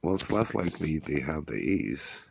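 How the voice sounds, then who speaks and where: While playing online poker, a streamer keeps up a casual, rambling commentary, often restarting and repeating himself. His voice is extremely low and creaky with a sing-song lilt at a moderate pace. Loud background noise and clicks fill the recording.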